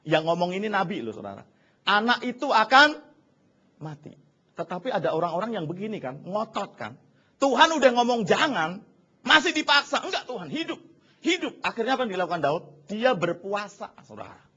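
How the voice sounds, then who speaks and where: A man preaching a sermon to his congregation, telling Bible stories with lively storytelling and speaking to the listeners often. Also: high voice, a little fast, dull audio. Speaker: pastor. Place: church hall.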